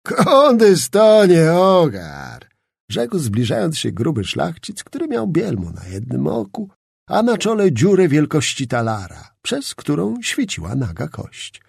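Man, audiobook narrator, gravelly, expressive, dry close sound. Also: fairly high pitch, measured pace, dry recording. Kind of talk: audiobook narration of a historical novel.

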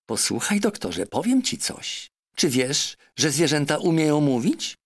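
A man doing a shrill, proud female parrot. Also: very animated, unhurried, exaggerated voice. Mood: lecturing. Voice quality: shrill, squawky. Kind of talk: audiobook character voice.

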